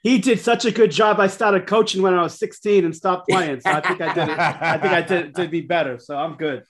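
A man's voice: high voice, brisk, fairly bright tone. A man co-hosting a podcast as a coach, chatting casually and effusively, often circling back over his phrases. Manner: effusive, repeats and restarts phrases. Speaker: podcast co-host and basketball coach. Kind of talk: casual chat.

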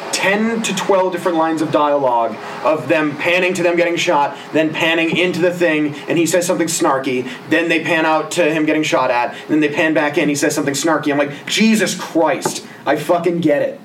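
A man's voice: a little high, fairly even intonation, fairly quick, fairly bright tone, far from the mic, a little hiss or hum, rough recording. A man co-hosting a casual movie-review podcast, sarcastic and swearing, mimicking characters' lines. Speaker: podcast co-host.

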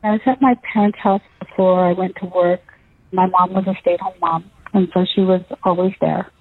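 Low-pitched mature woman, muffled interview audio. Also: steady tone, moderate pace, no echo. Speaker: interviewee recalling family events. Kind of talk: conversational personal recollection.

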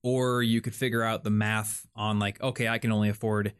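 A man's voice: fairly low pitch, flat delivery, a little fast, clean tone. A young man hosting a podcast, talking casually and thinking aloud with lots of fillers and restarts. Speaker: podcast host. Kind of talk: casual chat.

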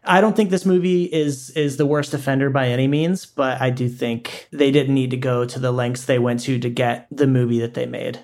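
A man's voice: mid-range voice, steady tone, normal speed, hardly any pauses, darkish tone. A man co-hosting a casual film-review podcast, earnest and opinionated, often restarting his sentences. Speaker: podcast co-host.

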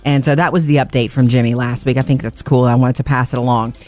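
A woman's voice: a bass voice, fairly even intonation, fast talker, a little mellow, soft background music. A woman hosting a casual radio show segment on entertainment news, chatty and upbeat, laughing easily.

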